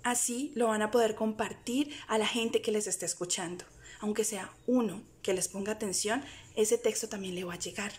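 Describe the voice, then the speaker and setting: A woman's voice: mid-range voice, normal speed. A young woman, a literature teacher, giving earnest reading-aloud tips straight to her viewers. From Colombia. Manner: earnest, encouraging, addresses viewers directly. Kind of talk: direct-to-camera instructional talk.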